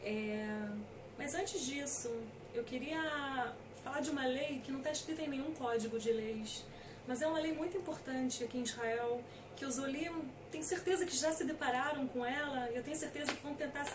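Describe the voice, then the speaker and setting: A woman's voice: sits high, fairly quick, distant mic. Woman, middle-aged, from brazil, informal lecture, fillers, noisy recording. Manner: hesitant, many filler sounds, emphatic on key points. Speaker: lawyer giving an online talk.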